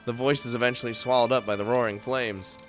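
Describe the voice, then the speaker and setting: A man's voice: mid-range voice, quick pace, soft background music. A man playing a story game, reading its narration aloud and reacting with jokes and laughter. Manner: animated, laughs often, reacts loudly and jokes. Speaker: game streamer. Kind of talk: let's play, reading game text aloud with commentary.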